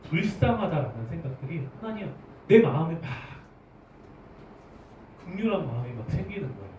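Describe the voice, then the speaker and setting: A man preaching a sermon as pastor, animated, putting questions to his congregation. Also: on the high side, brisk, a little hiss or hum. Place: church hall. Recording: roomy, distant, dull church recording.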